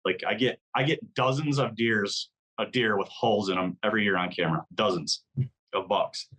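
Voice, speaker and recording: A man's voice: on the low side, moderate pace, fairly bright tone, low-quality recording. A man from Michigan, a podcast guest, telling a hunting story in a casual, vivid way, full of "like"s and mimicked deer calls.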